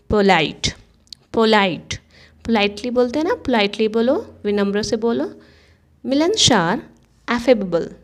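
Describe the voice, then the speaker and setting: A woman teaching English vocabulary, repeating each word with a deliberate, drilling manner. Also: mid-range voice, darkish tone.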